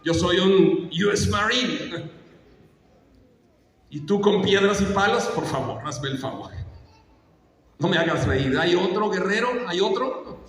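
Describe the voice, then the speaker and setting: A man's voice: sits high, lively intonation, slow, long pauses, a bit bright, heavily acted. A man voicing Goliath, a huge warrior who laughs at and taunts a boy. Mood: mocking. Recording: echoey church hall, mic far off.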